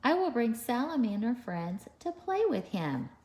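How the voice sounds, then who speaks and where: A woman's voice: fairly high pitch, sing-song, unhurried, a little mellow, pitched above the performer's own voice. A woman voicing an eager, imaginative, earnest little boy in a storybook reading. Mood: eager, dreamy. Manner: earnest, enthusiastic.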